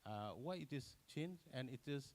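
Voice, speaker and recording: Halting man presenting research. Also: mid-range voice, lively intonation, a little mellow. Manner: halting, many fillers and restarts. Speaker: conference presenter. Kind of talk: academic conference presentation.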